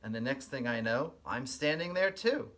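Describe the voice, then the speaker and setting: A male kindergarten teacher reads aloud expressively, keeping his explanations simple for young listeners. His voice sits in the mid range and moves at a moderate pace.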